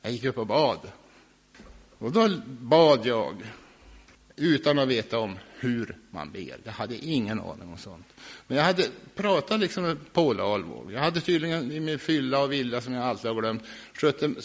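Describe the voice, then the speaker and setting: Guy telling his faith testimony, earnest and thoughtful, mid-pitched voice. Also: lively intonation. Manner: earnest and reflective, with soft laughs. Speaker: former alcoholic sharing his faith testimony.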